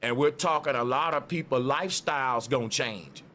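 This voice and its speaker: A man's voice: medium pitch, moderate pace, bright, forceful tone. A man giving casual, opinionated commentary to his viewers in a slangy, streetwise, conspiratorial exposé manner. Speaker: online commentary host. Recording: noticeable background noise.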